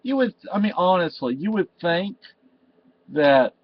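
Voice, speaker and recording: An older Spanish vlogger with a high, animated voice speaks at a measured pace into the webcam before him. He wanders emotionally through his thoughts, restarting and saying "you know" again and again, in a cluttered room at home. The lo-fi webcam sound is a little dull.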